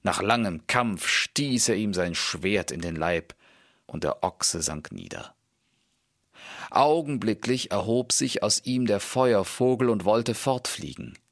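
Slow, gravelly male storyteller. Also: lowish voice, no echo, clean studio sound. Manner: calm, measured storytelling. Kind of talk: fairy-tale reading.

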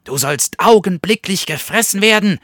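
A man's voice: sits high, animated, moderate pace, a bit bright, no room sound, clean studio sound, pitched above the performer's own voice. A man voicing a hostile weasel who hisses its threats in a storybook fable. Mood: hateful. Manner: hissing, snappy. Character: hostile weasel, hissing and hateful.

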